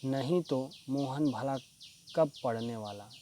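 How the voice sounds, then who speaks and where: A worried mother fusses over her sick boy, read aloud by a man. The lines come out slow and unhurried, in a plain reading voice. Faint insect chirps sit low behind. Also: mellow, slight background noise, lightly acted. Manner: reads the part plainly in his own voice.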